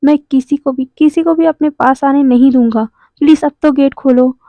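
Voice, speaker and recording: A woman voicing a gentle, easily flustered young man, an uncle in a romance story, with a soothing, pleading tone. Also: sits high, fairly even intonation, normal speed, dry recording. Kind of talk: storytelling voice acting.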